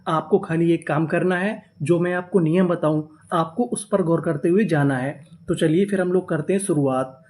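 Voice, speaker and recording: A man teaching a class on reading English words, patiently spelling out letters, asking questions back and repeating each word slowly. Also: on the high side, a little mellow. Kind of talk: step-by-step spoken lesson.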